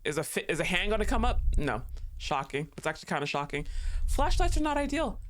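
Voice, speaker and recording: High-pitched, sing-song, and a bit bright, a man talks fast while streaming a horror game live. His commentary is casual and joking, full of free swearing and remarks aimed back at the game's characters.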